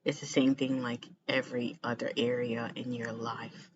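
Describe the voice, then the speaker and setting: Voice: mid-range voice, flat delivery, moderate pace. A vlogger chatting casually to the camera in a rambling way, repeating phrases for emphasis. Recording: muffled lo-fi sound with background noise.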